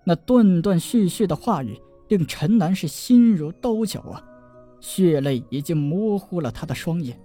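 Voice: mid-range voice, animated, warm tone, faint music behind. A narrator reading a serialized audiobook chapter with emotive, dramatic delivery. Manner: emotive storytelling with drawn-out endings.

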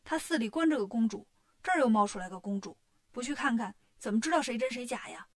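A cheeky, clever monkey disciple, as a woman storyteller puts him on, persuading his master with quick, bold talk. The voice sits fairly high and close to her own. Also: lively intonation, no echo. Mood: coaxing.

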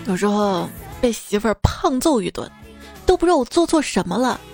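A woman with a slightly high voice hosts a comic monologue, teasing and playful, laughing between jokes. Soft music plays underneath her. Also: very animated, brisk. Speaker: radio host.

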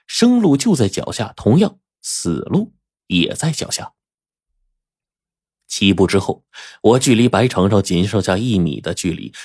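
A man narrating a first-person adventure audiobook in a dramatic, animated manner. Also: sits low, dry recording, studio quality.

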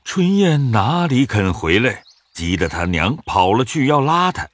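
A narrator telling a classic novel in measured scripted narration, with a husky voice. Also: mid-range voice, no echo. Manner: measured storytelling with lively rise and fall.

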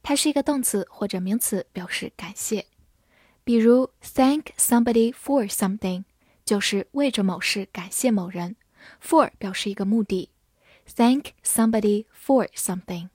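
A woman teaching English vocabulary in a patient, methodical way, spelling words letter by letter and reading sentences slowly. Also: medium pitch, darkish tone, husky, dry recording, clean studio sound. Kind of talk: vocabulary lesson, spelling and slow read-alongs.

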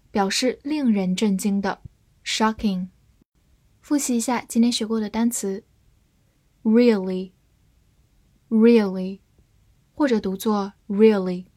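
A woman teaching English vocabulary in a scripted lesson, explaining each word and reading example sentences slowly and clearly. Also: a little high, darkish tone, no room sound.

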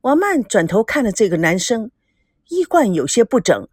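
A woman narrator reading a novel aloud as an audiobook, with an expressive delivery. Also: fairly high pitch, normal speed, husky, no room sound, studio quality. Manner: expressive, acts out dialogue.

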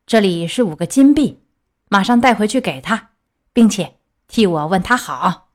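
Gruff puppet showman, lower voice, kind underneath, as read by a woman. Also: animated, normal speed, a little mellow, lightly acted. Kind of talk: storybook reading.

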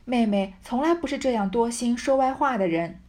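A woman voicing a wayward young man who apologizes in a wheedling, drawn-out way. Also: fairly high pitch, a little mellow, close to an everyday voice. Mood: fawning.

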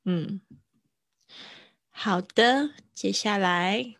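A woman's voice: medium pitch, drawn-out words, creaky, fairly bright tone, dry recording, clean studio sound. A woman English teacher, giving a live-streamed lesson in a chatty, patient way with frequent laughter.

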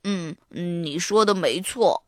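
A woman reading a storybook aloud and voicing an anxious young boy who pleads and hesitates with drawn-out fillers. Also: fairly low pitch, a little mellow, no room sound, studio quality, pitched below the performer's own voice. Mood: worried. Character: young schoolboy, anxious and sheepish.

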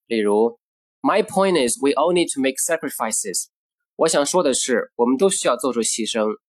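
Man teaching English phrases slowly. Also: mid-range voice. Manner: slow, deliberate model phrases, then explains in Mandarin. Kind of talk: scripted language lesson.

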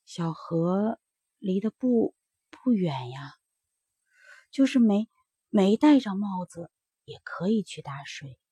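A frail, sick mother from a bedtime storybook begs for water in a faint, quavering voice, as a woman puts her on. Her tone is husky and breathy, and it sounds close and dry. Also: medium pitch, sing-song, slow pace, long pauses, warm tone, dry recording, heavily acted. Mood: weak pleading. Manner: faint, shaky pleading. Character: sick thirsty mother, weak and trembling.

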